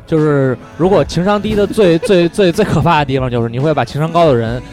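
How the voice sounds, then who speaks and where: A man co-hosting a casual comedy podcast, quick to argue and keeps cutting in. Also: on the high side, music in the background. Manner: quick, argumentative, keeps interjecting. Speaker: podcast co-host.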